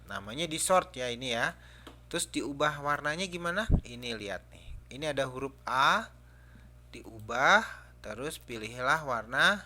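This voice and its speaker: Male computer teacher, patient and questioning, slow delivery. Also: medium pitch, sharp tone, slight background noise. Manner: patient, coaxing, asks the class questions. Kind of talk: classroom lesson. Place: classroom.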